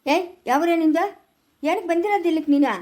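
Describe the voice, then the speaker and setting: A woman with a rural Chikkaballapura Kannada accent playing a defiant, sharp-tongued grown village son in an amateur family skit, curt with his mother and gentle with a baby. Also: very high-pitched, fast, slight background noise. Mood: soothing. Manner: curt, dismissive, then soft cooing with a baby.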